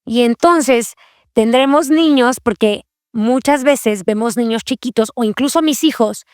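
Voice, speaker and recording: Earnest woman, higher voice. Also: unhurried, a little mellow, no room sound, clean studio sound. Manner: earnest, confessional, repeats key phrases. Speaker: podcast host.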